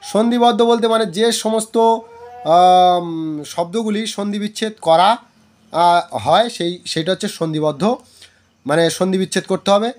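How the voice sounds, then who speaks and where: High-voiced man teaching, checking in often. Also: a little slow, long pauses. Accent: Bengali. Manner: patient, repeats words and checks "understood?". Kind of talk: classroom lesson explaining grammar.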